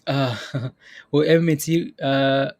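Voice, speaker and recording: A man speaking slowly in a steady, mid-range and slightly mellow voice hosts a live trading stream with casual market commentary. Chatty and repetitive, he reads out names from chat, talks through price levels, and laughs frequently.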